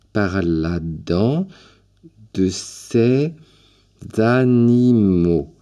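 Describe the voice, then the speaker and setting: Deep, slow man reading a story. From France. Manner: unhurried and expressive, lingering on descriptive phrases. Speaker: audiobook reader. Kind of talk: scripted literary narration.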